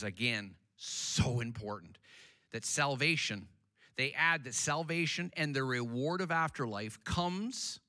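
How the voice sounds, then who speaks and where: Bright, slow-preaching male pastor. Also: medium pitch. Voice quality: emphatic, repetitive, call-and-response. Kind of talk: sermon. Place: church sanctuary.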